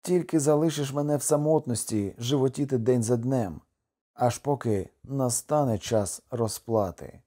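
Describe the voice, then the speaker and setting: A man reading an audiobook, voicing a doomed young husband, tender and gloomy, with a slow, mournful delivery. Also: medium pitch, warm tone, natural voice. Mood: despairing.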